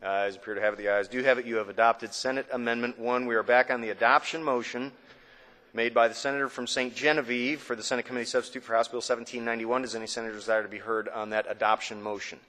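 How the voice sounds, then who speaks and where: Bright-voiced man presiding over a senate. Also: mid-range voice, little pitch movement. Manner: brisk, formal parliamentary phrasing. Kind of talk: formal floor procedure. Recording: reverberant legislative chamber.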